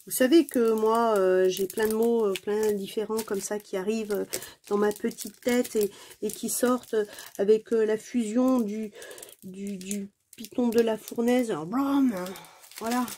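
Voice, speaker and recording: A woman speaks at a measured pace in a steady, dark-toned mid-range voice, with a little hiss or hum in the recording. She's a diamond painting vlogger opening a craft kit at home, chatty and exclamatory with plenty of fillers, playful and self-mocking.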